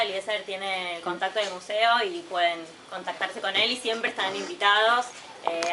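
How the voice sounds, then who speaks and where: A woman from a museum introducing a guest speaker in an informal way, with many filler pauses. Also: mid-range voice, sharp tone, slight background noise, poor audio. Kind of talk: event introduction.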